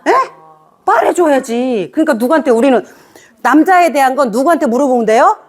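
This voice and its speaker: A woman's voice: sits high, animated, brisk. A middle-aged woman giving a chatty, teasing lecture to parents and asking the audience questions.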